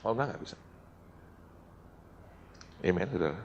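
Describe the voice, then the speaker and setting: A man's voice: sits low, normal speed, highs cut off, a little hiss or hum. A middle-aged man giving a storytelling sermon as a pastor, talking straight to his congregation. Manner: storytelling, animated, acts out quoted dialogue; addresses congregation as "saudara". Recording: long hall reverb.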